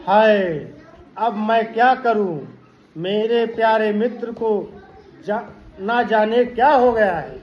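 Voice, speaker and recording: A woman's voice: fairly high pitch, takes it slowly, dull audio, a little hiss or hum. A woman voicing a crafty male turtle in a children's story, lamenting a friend's pretend death. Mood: mock grief. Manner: mock-lamenting.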